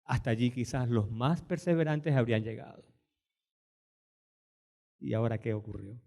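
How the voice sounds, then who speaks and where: A man preaching a sermon, dramatic and questioning, dropping soft then rising loud and slow for quoted words. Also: mid-range voice, vocal fry. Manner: asks the listeners many questions. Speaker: pastor.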